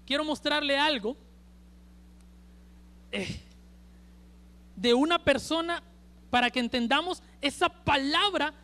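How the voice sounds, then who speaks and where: Honduran pastor guy preaching, super high bright voice, goes loud then hushed. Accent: Honduran Spanish. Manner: emphatic, swings between loud and hushed. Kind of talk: sermon. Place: church service.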